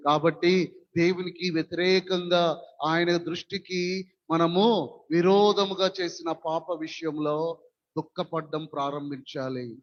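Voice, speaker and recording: A man pastor preaching a sermon, reading scripture aloud and acting out dramatic retellings. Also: fairly high pitch. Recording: dull lo-fi sound with long hall reverb.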